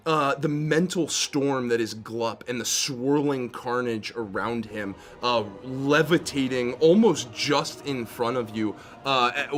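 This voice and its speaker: A man improvising tabletop game narration as game master, building descriptions haltingly piece by piece. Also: mid-range voice. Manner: halting, piecing descriptions together. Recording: music behind the voice.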